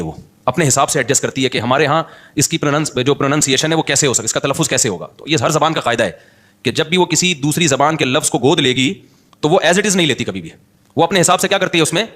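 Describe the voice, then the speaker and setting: An Islamic preacher delivers a sermon in a chatty, animated way, his voice on the high side. He slips in English words and recites Quran verses in Arabic.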